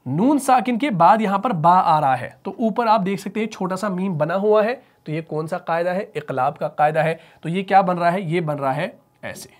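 A man with a Pakistani Urdu accent teaches tajweed in a patient, step-by-step way, asking a question and then answering it himself. His voice sits fairly high for a man. He slows into melodic chanting when he recites the verses.

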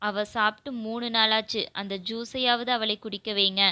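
A woman voicing a soft-spoken young man coaxing grieving women. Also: a little high, fairly even intonation, a little slow, clean tone, no room sound.

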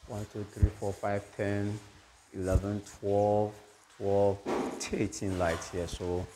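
Recorded on a handheld phone or camera, this noisy clip has a Ghanaian electrician casually walking through an unfinished, bare-walled house. His voice sits on the low side, mellow and flat in delivery, and he pauses haltingly as he lists items.

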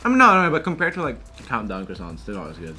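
Playful low-voiced man vlogging food. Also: wildly swooping pitch, fast talker. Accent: New Zealand. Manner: playful, enthusiastic, stumbling restarts. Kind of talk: casual food vlog chat. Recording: light music behind.

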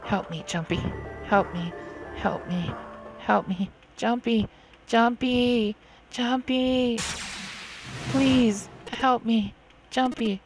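A man's voice: fairly even intonation, slow pace, gravelly, pauses often, faint music behind, exaggerated voice. A man voicing a frightened teenage girl, trembling and pleading in a game playthrough. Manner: trembling, pleading, high-pitched.

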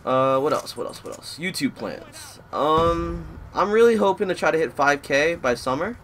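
A man's voice: on the high side, expressive, normal speed, a bit bright, a little hiss or hum. Rambling twenty-something gamer man. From Florida, USA. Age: 20s. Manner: rambling, easily distracted by the match. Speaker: gaming YouTuber. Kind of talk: live gameplay commentary.

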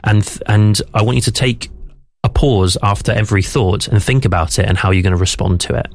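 A man's voice: lowish voice, fairly quick, creaky. A man who is a theatre director, explaining and coaching a reading in a radio conversation, thoughtful with frequent restarts.

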